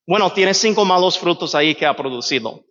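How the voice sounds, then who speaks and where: A man's voice: high-pitched, lively intonation, a little fast, sharp tone. Man preaching in a reverberant hall. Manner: conversational, asks the audience "¿verdad?" often. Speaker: pastor. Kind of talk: sermon teaching. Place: church hall. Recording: dull sound, long church reverb.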